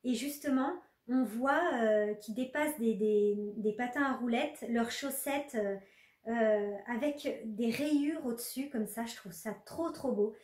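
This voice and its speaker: A woman's voice: a little high, a little slow, a little mellow, reverberant. A woman chatting casually with viewers in a knitting vlog, full of fillers and restarts. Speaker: knitting podcaster.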